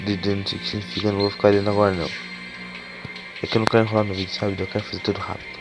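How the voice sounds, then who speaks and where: Over background game music, a hoarse man who has a cold rips open card packs for his channel. His pitch is fairly low and he races along, cursing freely and getting worked up whenever a card turns up.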